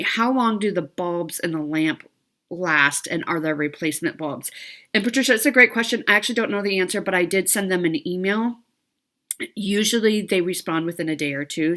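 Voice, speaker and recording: On her cross stitch vlog, a middle-aged woman chats loosely with viewers, full of fillers and small laughs. Her voice runs on the low side with a slight brightness, and allergies leave her sounding a little stuffy.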